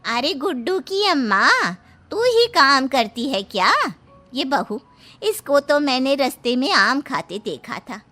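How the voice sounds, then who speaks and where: Cartoon neighbour auntie, nosy, slow and sing-song, bright , voiced by a woman. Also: high voice, very animated, faint music behind, heavily acted. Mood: gossipy. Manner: drawn-out, gossipy. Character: gossipy middle-aged neighbour woman.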